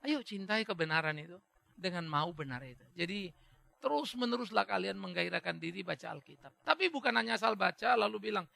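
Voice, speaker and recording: A man's voice: high-pitched, lively intonation, a little fast, creaky, sharp tone. A male pastor preaching a sermon who acts out little dialogues and drops in English phrases.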